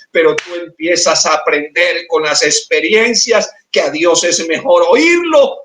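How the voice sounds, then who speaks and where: A man with a Colombian accent, preaching a sermon as pastor and telling an emotional testimony, at times soft and at times shouted. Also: sits high. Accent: Colombian Spanish. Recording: roomy, distant mic in church.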